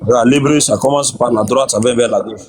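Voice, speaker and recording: A man's voice: medium pitch, brisk, a little mellow, breathy edge. A man in a religious debate, insistently repeating his questions.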